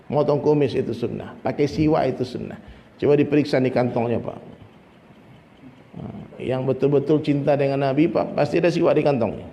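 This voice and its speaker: A man from Indonesia's region, giving a lively, humorous sermon to an audience. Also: mid-range voice, fairly quick, slight background noise. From Minangkabau, Indonesia. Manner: lively, humorous preaching, often addressing listeners. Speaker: preacher. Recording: long reverb, faint ambience.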